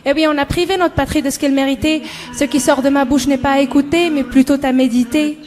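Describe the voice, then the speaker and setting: A young Moroccan woman, a student poet, performs spoken-word poetry with impassioned, emphatic rhythm. Her voice sits high and is a little mellow, with fairly even intonation and a quick pace, over background music.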